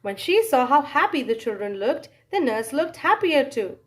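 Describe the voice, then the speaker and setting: In a high voice, a woman animatedly narrates a story for children, filling it with expression, dramatic pauses and exclamations.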